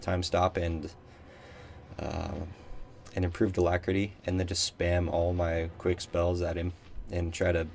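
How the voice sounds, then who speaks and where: Low flat-voiced young man. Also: a little slow, vocal fry, slight background noise. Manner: rambling, unsure, many ums, self-mocking. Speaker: gameplay commentator. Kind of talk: casual let's play commentary.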